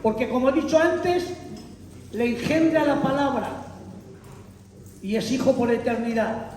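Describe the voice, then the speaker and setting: In a church hall full of echo, a high-voiced visiting preacher delivers lively Bible teaching at a slightly slow pace, picked up by a distant microphone. Emphatic and dramatic, he calls on the congregation and breaks into shouts.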